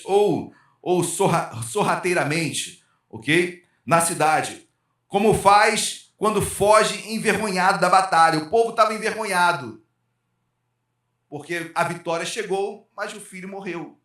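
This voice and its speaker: Pastor preaching in an echoey hall. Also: male voice, high voice. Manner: calls out to the congregation for amens, rises and drops sharply in loudness. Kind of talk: sermon. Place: church hall.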